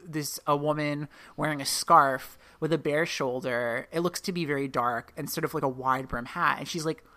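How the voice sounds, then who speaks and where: A woman's voice: low-pitched, normal speed, bright, forceful tone. A woman hosting a podcast, telling a story in a rambling, self-correcting way. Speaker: podcast host. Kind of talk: casual podcast chat.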